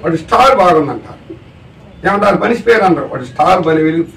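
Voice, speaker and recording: A man's voice: fairly high pitch, expressive, fast, a bit bright, roomy sound, recorded from a distance, slight background noise, poor audio. A man giving a religious discourse to a live audience as a spiritual teacher, often putting questions to the listeners. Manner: keeps asking the audience questions.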